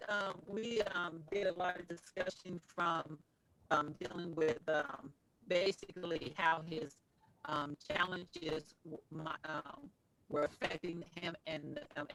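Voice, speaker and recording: Woman on a glitchy video call, connection breaking up, halting and full of filler sounds. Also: fairly low pitch, steady tone, a bit bright, a little hiss or hum, low-quality recording. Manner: hesitant, many filler sounds. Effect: choppy, breaking-up call connection. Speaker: training session participant reporting for a group. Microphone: old computer system on a video call.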